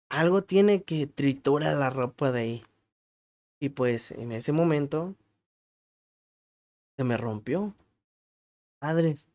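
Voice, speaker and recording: A man's voice: on the high side, a little mellow. A man with a Mexican accent hosting a podcast, telling funny, crude stories about himself in casual slang and laughing at his own jokes. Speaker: podcast host. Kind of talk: casual comic storytelling monologue.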